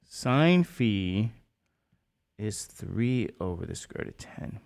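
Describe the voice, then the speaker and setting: A man teaching a math class, lecturing with quick questions to the students that he answers himself. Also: fairly low pitch, sing-song, gravelly, darkish tone.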